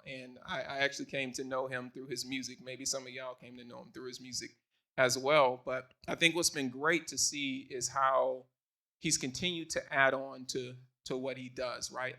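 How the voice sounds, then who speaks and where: A man's voice: medium pitch, sharp tone. A man hosting a casual onstage interview, calling to the crowd as y'all in an upbeat way. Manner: hyped, addresses crowd as y'all. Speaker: interview host. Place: stage before a live audience.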